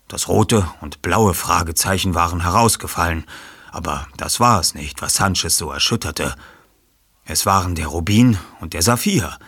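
Ein ausdrucksvoller Erzähler mit eher tiefer, rauer Stimme, der lebendig vorliest. Die Aufnahme ist trocken. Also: male voice, sits low, a bit bright, breathy edge, dry recording, clean studio sound. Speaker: audiobook reader. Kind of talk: audiobook narration.

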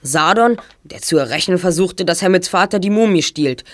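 A man's voice: high voice, lively intonation, moderate pace. A teenage boy detective in a children's audio drama. He is clever and sure of himself. He sets out each deduction in precise, orderly phrases. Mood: confident.

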